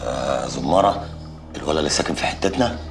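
A man's voice: very deep voice, fast, soft background music. An actor in a TV comedy playing a nervous neighborhood Egyptian man, fawning and evasive before a police officer. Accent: Egyptian Arabic.

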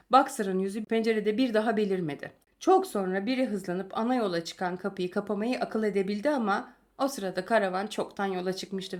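Reading a chapter of a novel aloud, a woman keeps her pitch even and in the middle range. She sounds calm and measured, pacing herself steadily like an audiobook narrator.

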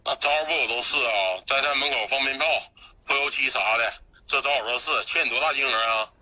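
A man, a debt collector, talking gruffly and impatiently over the phone. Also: medium pitch, fairly even intonation, fast, pushed and bright. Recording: tinny phone line.

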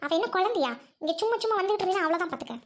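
A woman voicing a quick-tempered older housewife in a Tamil cartoon, with a Trichy accent and a scolding manner. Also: very high-pitched, lively intonation. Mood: furious. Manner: scolding, shouting.

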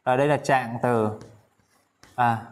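A man's voice: mid-range voice, normal speed, a little hiss or hum. A man teaching English vocabulary in a casual lesson, repeating each word several times and chatting with viewers between words.

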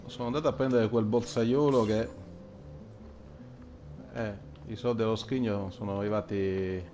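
A man's voice: lowish voice, fairly even intonation, moderate pace, darkish tone, slight background noise. A man giving casual gameplay commentary, muttering to himself in short phrases. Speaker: video game player. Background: game music.

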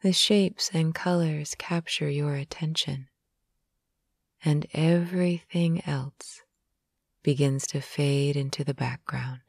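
A woman reading a guided sleep hypnosis in a slow, soothing, soft manner, with some phrases whispered. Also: sits low, steady tone, vocal fry, no room sound, studio quality.

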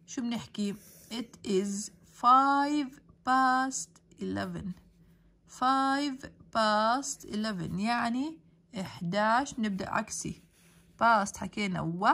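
A woman teacher with a Levantine Arabic accent, giving a tutorial lesson. She dictates English answers slowly and carefully, then adds quick explanations in Arabic. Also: medium pitch, fairly bright tone.

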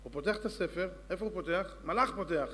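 A rabbi delivering a lively storytelling sermon, speaking straight to his audience. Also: sits high, big-room sound, soft background music. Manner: storytelling, addressing audience directly. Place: synagogue or lecture hall.

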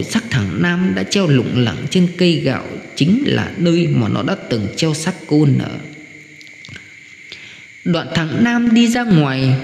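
A man's voice: on the high side, a little mellow, a little hiss or hum. A man narrating a village ghost story dramatically, acting out the pleas of the people in it. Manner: dramatic storytelling, voices the screams and pleas in quotes. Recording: echoey room with long reverb.

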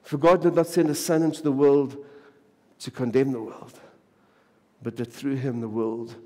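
Mellow-voiced male pastor from South Africa, emphatic and repetitive, sermon in a reverberant church. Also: medium pitch, fairly even intonation, normal speed. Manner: repetitive, emphatic, drops to a hush on key phrases. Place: church sanctuary.

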